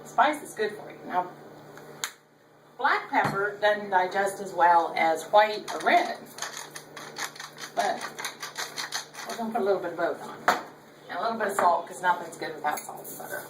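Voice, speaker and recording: A woman's voice: medium pitch, expressive, moderate pace, long pauses. Chatty older southern lady cooking at home, roomy echoey kitchen, mic kinda far off, some noise behind. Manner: chatty, folksy, opinionated. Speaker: cooking show host. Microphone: camera held by her son. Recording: echoey room, distant camera mic, background noise.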